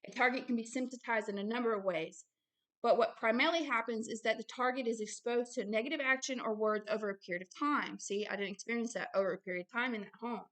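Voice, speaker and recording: Speaking fast in a fairly high, slightly bright voice, a woman serves as host and religious teacher for informal religious commentary. Earnest and insistent, she reads aloud, adds personal asides, and often repeats phrases for emphasis.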